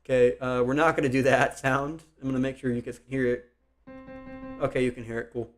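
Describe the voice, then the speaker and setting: A young man chatting on a live stream from his computer desk, rambling and thinking aloud, speaking louder than his usual soft voice to project. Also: medium pitch, level tone, fairly quick, over music. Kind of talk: casual live-stream chat.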